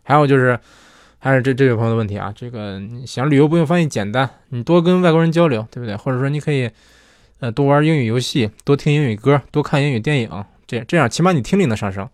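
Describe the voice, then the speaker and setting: Speaking fast at a medium pitch, this male host casually explains things while answering listener questions, rephrasing often and checking for agreement with "对不对". The sound is dry and clean, like a studio.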